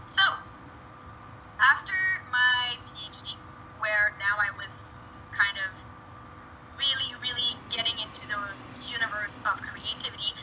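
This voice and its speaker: A woman's voice: a little high, bright, forceful tone. A woman with a French accent, a native French speaker, giving a presentation earnestly, with frequent fillers and restarts. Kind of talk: prepared presentation talk. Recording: dull lo-fi recording with faint noise.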